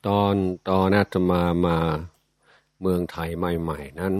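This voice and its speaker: An older man, a Buddhist monk speaking a language that is not his first, telling a story in a halting, self-amused way with many fillers, often clearing his throat. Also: low voice, a little mellow, no room sound. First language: not Thai. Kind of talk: reflective dharma talk storytelling.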